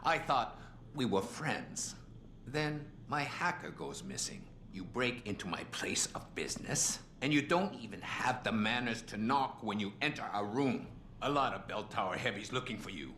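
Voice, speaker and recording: Low, sharp-voiced menacing crime boss. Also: male voice, expressive, moderate pace. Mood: cold menace. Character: menacing male triad crime boss, smug and coolly threatening. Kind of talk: video game voice acting. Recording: roomy echo, faint ambient noise.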